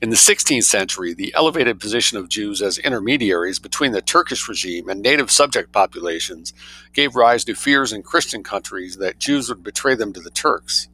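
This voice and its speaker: A man with a fairly low, bright and forceful voice reads scholarly writing aloud. He delivers it like dictation, voicing the citations and punctuation of quotations along with the text. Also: lively intonation, fairly quick, low-quality recording. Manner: dictating, speaks quote marks, citations and spellings aloud. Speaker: narrator reading a scholarly book aloud.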